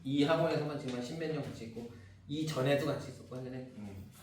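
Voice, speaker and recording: A man's voice: mid-range voice, racing, darkish tone. A middle-aged man from Seoul lecturing a class as a cram school literature teacher, casual and teasing, often checking in with "right?". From Seoul, South Korea. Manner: casual and chatty, teasing, keeps asking "right?". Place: large classroom. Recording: echoey classroom from far off, faint noise.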